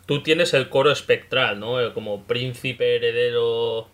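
A man with a Spain Spanish accent in casual chat, telling lively stories and acting out bits of dialogue. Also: mid-range voice, measured pace. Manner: lively storyteller, acts out characters' remarks. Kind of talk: casual chat about a video game.

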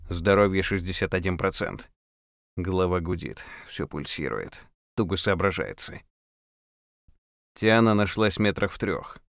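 A man's voice: low voice, dry recording, clean studio sound. A man narrating a first-person story in terse, clipped phrases with dramatic intensity. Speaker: audiobook narrator.

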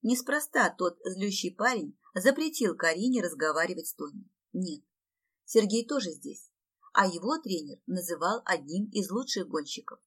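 A woman reads an audiobook aloud in scripted narration. Her voice sits a little low, and she keeps the telling steady and even. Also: moderate pace, husky.

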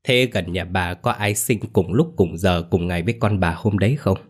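A man voicing a calm male spirit medium who speaks in a slow, grave, measured way. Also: low voice, breathy edge.

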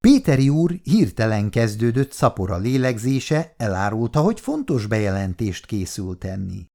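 Man narrating a 1960s radio play, measured storytelling voice, lively pitch. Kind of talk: scripted narration for radio drama.

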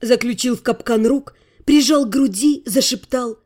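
A woman's voice: a little high, moderate pace, a little mellow. A woman narrating a first-person story as an audiobook, reading expressively with emotion.

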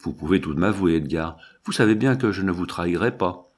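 A man reading aloud, voicing a lively, affectionate young woman who loves diamonds, with soft, pleading questions in a husky voice. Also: low-pitched, a little fast. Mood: coaxing. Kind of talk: audiobook reading.

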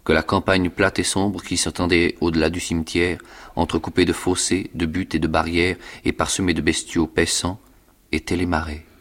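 A man giving a measured, expressive reading of a classic novel in the first person. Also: low voice. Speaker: reader. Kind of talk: dramatic literary reading.

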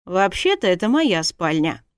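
A woman's voice: lowish voice, very animated, clear, resonant tone, no echo, clean studio sound. A woman voicing a mocking snake-shifter husband. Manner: mocking, growling, drawn-out delivery. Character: sly, commanding young man, a snake shapeshifter husband. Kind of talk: audiobook character voice.

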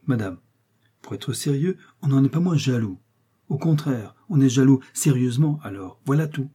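A man reading aloud, voicing a serious, jealous count who explains himself in measured tones. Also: medium pitch, animated, dark tone, husky. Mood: earnest. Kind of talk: audiobook reading.

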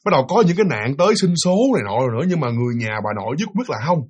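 Fast-talking southern Vietnamese storyteller man. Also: medium pitch, sing-song, husky, lo-fi sound. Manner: chatty, addresses listeners directly. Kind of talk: casual spoken ghost story.

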